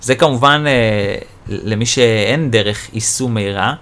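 A man hosting a podcast, explaining personal growth in an animated monologue, acting out inner thoughts and repeating key phrases. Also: on the low side. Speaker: podcast host and personal development teacher.

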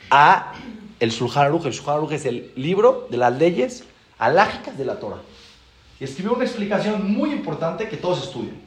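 Animated rabbi telling stories. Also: male voice, reverberant. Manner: animated, acts out dialogue with shifting pitch. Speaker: rabbi teaching a class. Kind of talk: storytelling lesson.

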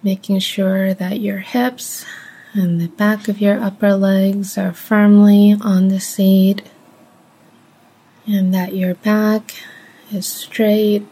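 In a meditation session, a woman speaks at a medium pitch with a level tone, her voice soft, mellow and slightly breathy. She goes very slowly and gently, pausing at length between short, measured phrases.

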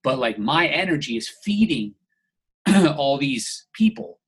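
Sing-song and on the high side, this American speaker's fairly bright, slightly rough voice moves at a measured pace over poor audio. Chatting on a podcast, he rambles through a story, restarts, and says "like" in almost every phrase.

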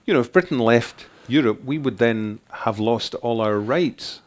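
An older man from Scotland, answering interview questions as an author in a thoughtful, halting way with many restarts. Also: mid-range voice. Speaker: author guest.

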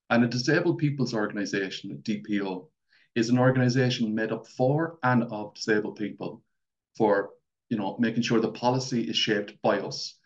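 Man, thick west of Ireland accent, lowish voice, semi-formal talk, halting rephrasing, dull lo-fi audio. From County Mayo, west of Ireland.

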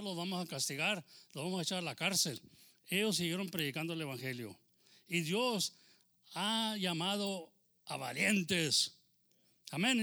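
A man's voice: sits high, pushed and bright. A Mexican American man preaching a fervent Spanish sermon, peppered with amens, English phrases and a joking story. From United States. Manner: switches into English phrases, frequent amen and hermano. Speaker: pastor.

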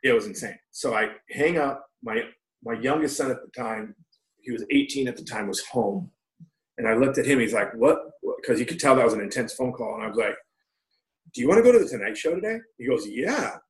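Profane comedian telling stories in an echoey room. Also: male voice, medium pitch, fairly quick. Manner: loose, profane storytelling with quoted dialogue. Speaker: stand-up comedian guest. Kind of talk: casual storytelling interview. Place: room at home.

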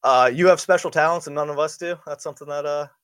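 A man's voice: a little high, fairly even intonation, fast talker, fairly bright tone, clear, resonant tone, no echo, studio quality. A man hosting a casual podcast, rambling, laughing often and swearing freely. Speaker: podcast host. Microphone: studio microphone.

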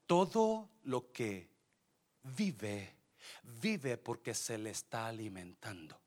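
A man, preaching a sermon as pastor, swinging from quiet asides to shouted climaxes and dropping in English phrases. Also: lowish voice, lively intonation, slow.

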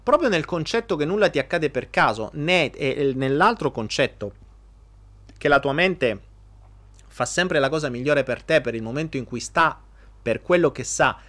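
A man hosts a casual live chat in a fairly high voice that swings widely up and down. He jokes and speaks straight to his viewers. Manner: animated, jokey, talks to viewers directly. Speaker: live stream host answering viewers.

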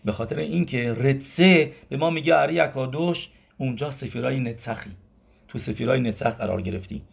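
Speaking with a creaky, husky voice of medium pitch, a rabbi teaches a Persian-language Torah lesson. His style is explanatory and stepwise: he asks himself questions, supplies the answers, and counts gematria aloud.

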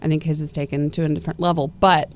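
Animated woman in casual chat. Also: low voice. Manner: animated, quick to laugh, talks over partner. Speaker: podcast co-host.

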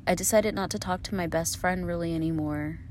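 A woman's voice: fairly low pitch, fairly quick, darkish tone, slight background noise. A woman in her thirties telling her life story casually to camera, candid and swearing freely as she talks straight to viewers. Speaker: vlogger.

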